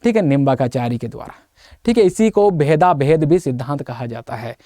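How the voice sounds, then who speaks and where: A man's voice: on the high side, a little fast, dry recording, clean studio sound. A man teaching an exam-prep lecture, keeps asking his students questions and answering them himself, with playful memory tricks. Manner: lively, uses memory tricks and jokes.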